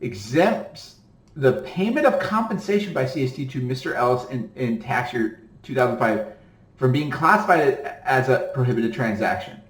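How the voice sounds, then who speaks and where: A man's voice: mid-range voice, animated, moderate pace. A man with a mid-range voice lectures casually on retirement-account law, reading from a court ruling and stopping often to explain with an "okay?". His voice sounds a little tired. The recording has a roomy echo around it. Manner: reads legal text then breaks off to explain, with frequent "okay?". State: voice tiring. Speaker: attorney teaching about self-directed retirement accounts.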